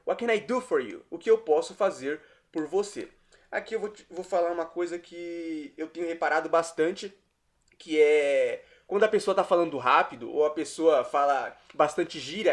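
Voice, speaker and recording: A man teaching an online language lesson, explaining phrases patiently and repeating them slowly word by word. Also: high voice. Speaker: English teacher.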